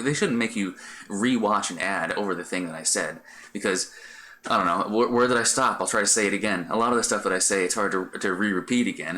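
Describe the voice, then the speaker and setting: A man's voice: fairly low pitch, sharp tone, a little hiss or hum. A middle-aged man chatting casually on a live stream, rambling with many fillers and restarts. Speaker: Twitch streamer.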